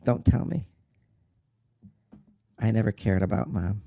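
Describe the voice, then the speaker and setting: An actor playing a grieving young man who talks in a slow, halting, tearful way about his mother. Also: on the low side, expressive, creaky, dark tone, dry recording, full character voice. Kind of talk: dramatic monologue.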